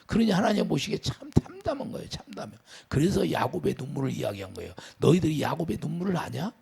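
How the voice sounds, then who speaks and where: A pastor preaching with a wide, swooping delivery that jumps high and drops low. His voice is gravelly and husky, sitting a little high for a man. He keeps turning to the congregation with quick questions. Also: big pitch swings, darkish tone. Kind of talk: sermon.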